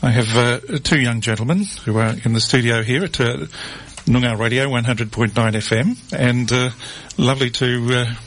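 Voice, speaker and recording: A husky-voiced man hosts a community radio program from the studio mic. He talks in a halting way, full of uhs and restarts, at a middling pitch. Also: fairly even intonation, fairly bright tone. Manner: hesitant, many fillers and restarts. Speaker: radio host.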